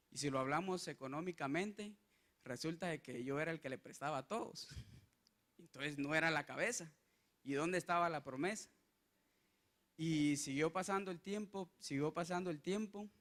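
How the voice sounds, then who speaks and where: Guatemalan guy preaching his testimony, kinda high voice, stops and restarts a lot. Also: a bit bright. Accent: Guatemalan Spanish. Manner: earnest, halting with many restarts and fillers. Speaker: lay preacher. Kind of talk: testimony sermon.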